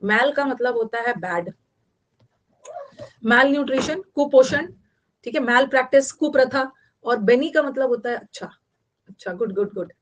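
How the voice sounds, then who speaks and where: A woman's voice: high voice, animated, normal speed, long pauses. A young adult woman with an Indian accent teaching vocabulary online, explaining in Hindi mixed with English and repeating key words.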